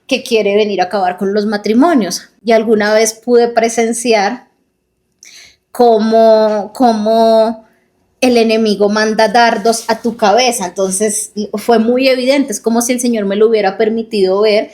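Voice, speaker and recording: A woman with a slightly high voice talks earnestly on a faith podcast. She tells her stories with feeling and slips into the voices of the people she quotes. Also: fairly even intonation, normal speed, hardly any pauses, darkish tone. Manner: earnest storytelling, acts out quoted dialogue. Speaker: podcast co-host. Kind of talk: casual faith talk.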